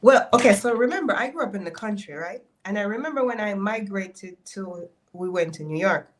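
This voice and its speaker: A woman's voice: mid-range voice, animated, a little fast. Playful Jamaican-accented woman storyteller. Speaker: guest. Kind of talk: casual interview chat.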